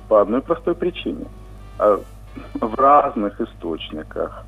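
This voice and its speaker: A man speaks as a university professor from a tinny phone line, his gravelly, slightly husky voice rising and falling in a lively way. He explains at length with a measured, lecturing manner and frequent hesitations. Faint music sits underneath. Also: lowish voice. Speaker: linguistics professor, phone guest. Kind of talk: radio phone interview.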